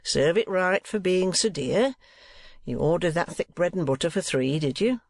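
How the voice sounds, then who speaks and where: A man voicing a greedy, sanctimonious middle-aged schoolmaster in a storybook reading, with an oily, drawn-out, preachy delivery. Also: sits high, expressive, no echo, voice pushed up.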